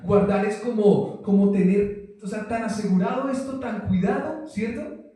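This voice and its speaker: High-voiced preacher, echoey hall. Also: male voice, a little mellow. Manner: emphatic, rhetorical questions answered himself. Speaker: preacher teaching a Bible study. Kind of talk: sermon. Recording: very echoey room, distant mic.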